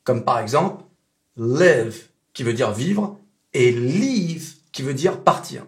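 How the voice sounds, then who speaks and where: A native French speaker giving a casual pronunciation lesson, repeating sounds slowly to demonstrate them. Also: male voice, medium pitch, lively intonation. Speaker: English pronunciation teacher.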